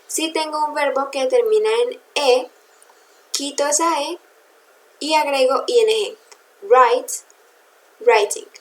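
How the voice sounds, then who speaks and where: A woman's voice: sits high, slow, long pauses, a little hiss or hum, poor audio. A woman teaching English grammar in a recorded lesson, patiently spelling out letters and checking in with her students.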